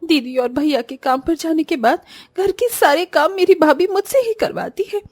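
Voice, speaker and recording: A woman's voice: extremely high pitch, normal speed, a little mellow, soft background music, pitched above the performer's own voice. A woman voicing a meek, overworked young sister-in-law who answers timidly and submissively. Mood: tearful. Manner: pleading, submissive.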